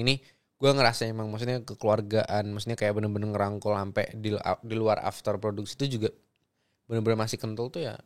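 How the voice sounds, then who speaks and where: A young man, a guest actor in casual chat who laughs, fumbles and repeats himself. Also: on the low side.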